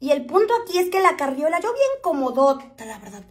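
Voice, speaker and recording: A woman's voice: high-pitched, big pitch swings, a little fast. A woman with a Mexican accent chatting and joking with viewers while doing her makeup on a live stream, often calling them "chicas". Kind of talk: casual chat to viewers.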